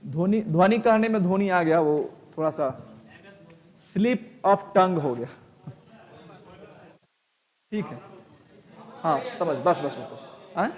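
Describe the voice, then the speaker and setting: High-voiced man teaching in a reverberant hall. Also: animated, takes it slowly, pauses often, a little mellow. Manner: explains step by step with repeated check questions. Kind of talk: live online lesson.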